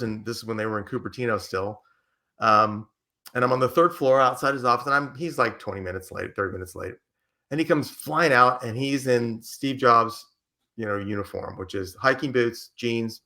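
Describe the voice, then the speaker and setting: An older American man, a podcast guest, telling lively career anecdotes and acting out quotes. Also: medium pitch, moderate pace. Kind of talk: storytelling interview answer.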